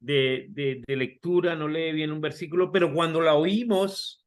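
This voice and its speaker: A man teaching an online Bible study class, talking slowly, repeating and restarting words, and putting questions to his students over a video call. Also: on the high side.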